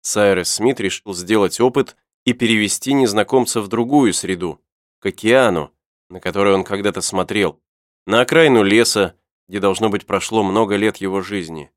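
Low-voiced male audiobook narrator. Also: normal speed, no echo, studio quality.

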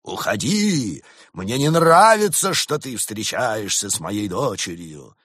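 A man voicing a hot-tempered wolf father who blusters and shouts. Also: lowish voice, very animated, slow, husky, dry recording, clean studio sound, full character voice. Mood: angry.

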